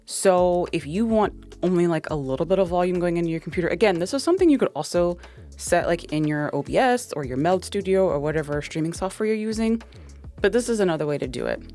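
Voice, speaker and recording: A woman's voice: on the low side, lively intonation, fast, mellow, soft background music. Chatty young woman demoing gear. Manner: casual, chatty, many "like" and "um" fillers. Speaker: tech reviewer. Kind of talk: casual product walkthrough. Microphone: dynamic podcast mic.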